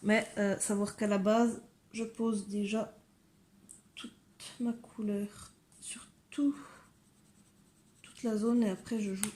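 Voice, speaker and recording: A woman's voice: medium pitch, flat delivery, slow pace, long pauses, darkish tone, a little hiss or hum. A woman chatting casually as she colors, filling her talk with hesitations and asides. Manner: chatty, many fillers, talks to her cats. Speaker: coloring channel host. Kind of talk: casual coloring tutorial chat. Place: home room with window.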